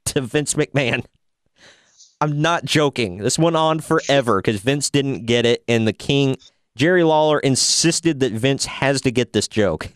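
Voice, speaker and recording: A man's voice: mid-range voice, smooth, no room sound, studio quality. A man co-hosting a podcast, giving a sarcastic, rambling recap in casual chat. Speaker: podcast co-host.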